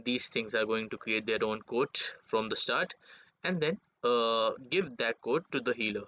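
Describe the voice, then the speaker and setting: A male developer demos his software in a mid-range voice, his English halting and non-native. The microphone sounds dull and lo-fi.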